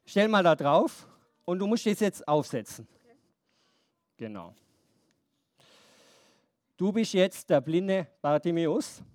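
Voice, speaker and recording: A woman telling a Bible story to a group of children, animated, asking them questions and counting along with them. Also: fairly low pitch, slow, long pauses, no room sound, studio quality.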